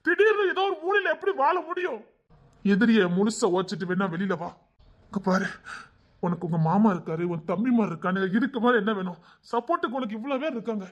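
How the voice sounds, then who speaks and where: This Tirunelveli Tamil-accented man voices a scolding, urgent older-brother ally for an audio drama, his high-sitting voice lively in intonation and a little fast. He pushes hard and scolds until he's shouting, all on a dull lo-fi recording.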